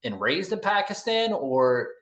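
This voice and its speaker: A man's voice: a little high, very animated, unhurried, a bit bright, highs cut off. Podcast host man in an echoey room. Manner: hesitant, lots of fillers and restarts. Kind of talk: casual interview chat.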